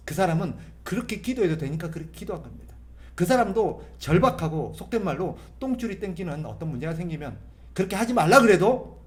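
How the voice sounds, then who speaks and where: A male pastor preaching a sermon in a conversational way, asking rhetorical questions, answering them emphatically, and acting out sample prayers. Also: fairly high pitch. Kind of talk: sermon at a Friday prayer meeting.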